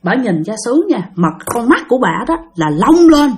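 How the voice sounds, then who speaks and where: A woman's voice: a little high, big pitch swings, moderate pace. A woman telling a ghost story casually, talking straight to her listeners. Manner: chatty, addresses listeners directly.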